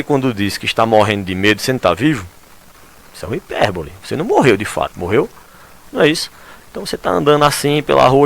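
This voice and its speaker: Lively Brazilian man teaching a class. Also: mid-range voice. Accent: Brazilian Portuguese. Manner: lively, chatty, with frequent tag questions to students. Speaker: Portuguese language teacher. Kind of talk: recorded remote class lesson.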